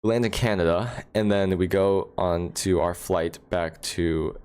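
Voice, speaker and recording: A man's voice: deep voice, measured pace, a little mellow, clean tone. A man from the United States chatting casually on a livestream, rambling, laughing often and answering chat questions, recorded on a phone indoors. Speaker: livestream host.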